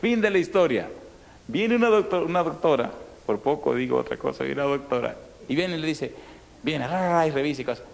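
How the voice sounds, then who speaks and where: A man preaching to a congregation in a storytelling sermon, his voice ringing through a hall with a long echo and a faint hiss of noise underneath. He is animated, acts out every character in his tale, and sinks to a near whisper for his closing appeal. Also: fairly high pitch, fairly quick, vocal fry.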